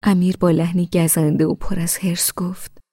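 Woman storyteller, soft and near-whispered, husky, dry close sound. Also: lowish voice, level tone, dry recording. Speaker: audiobook narrator. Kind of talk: first-person story narration.

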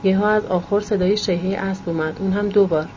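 A woman narrating a novel aloud in a calm, even storytelling voice. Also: medium pitch, muffled recording, a little hiss or hum. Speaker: audiobook narrator.

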